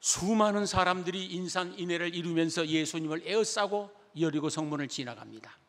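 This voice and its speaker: A male pastor delivers a dramatic sermon with an unusually high voice, dropping low and then climbing to loud, fervent peaks. A long reverb from the church sanctuary follows every phrase. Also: fairly quick. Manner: dramatic preaching, swinging between soft and loud.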